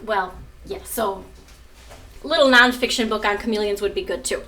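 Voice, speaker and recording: In a low-quality recording made at home, an adult woman, an art teacher and mother, presents a lesson and reads a picture book aloud. She teaches in an instructive way, often prompting children with questions. Her voice is mid-range and sharp at a moderate pace, picked up from far away.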